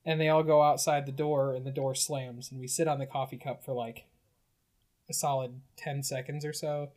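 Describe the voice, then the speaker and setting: A man's voice: medium pitch, flat delivery, normal speed, darkish tone. A man casually describing an imagined film scene, with many fillers. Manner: loose, filler-heavy narrating. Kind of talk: casual comedic story pitch.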